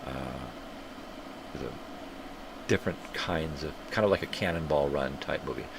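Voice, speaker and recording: This older man, hosting a live stream while sniffly from a cold, wanders into rambling, profane, casual tangents. His pitch is extremely low, his pace moderate, and a background hum is clear.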